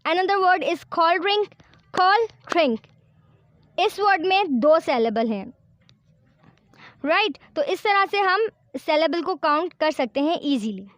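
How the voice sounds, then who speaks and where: A woman's voice: extremely high pitch, expressive, a bit bright, no echo. A woman teaching a grammar lesson. She counts syllables aloud, spells out words letter by letter and checks in with "right?". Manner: slow, careful English, checking in with "right?". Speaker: English teacher. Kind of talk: classroom-style grammar lesson.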